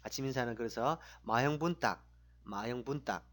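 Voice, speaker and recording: A man's voice: mid-range voice, moderate pace, fairly bright tone. A middle-aged man teaching a language lesson, encouraging listeners and drilling short phrases for them to repeat.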